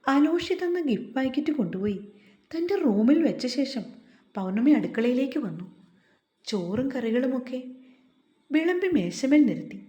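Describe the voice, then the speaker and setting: A woman reading a romance novel aloud in a calm, unhurried, soft voice. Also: high voice. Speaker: storyteller. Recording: echoey, slightly muffled home recording.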